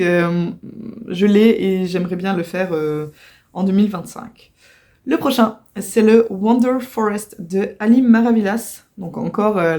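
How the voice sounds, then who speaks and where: Woman rambling in a home crafts vlog, warm soft tone, lots of ums and sorrys. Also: medium pitch. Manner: chatty and apologetic, with many fillers and self-corrections. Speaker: crochet vlogger. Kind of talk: casual chatty video talk. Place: at home by a computer.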